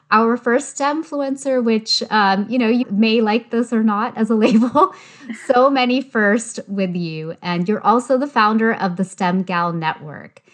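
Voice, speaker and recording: A woman hosting an interview, introducing her guest in an upbeat, enthusiastic way with many fillers. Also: medium pitch. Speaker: podcast host.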